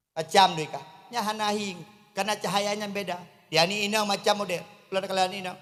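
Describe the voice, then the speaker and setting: An Acehnese man delivers a funny sermon to a crowd in a mosque courtyard, his accent clearly from Aceh, Indonesia. He swings from quiet asides to loud, emphatic calls, and the sound suggests a large hall.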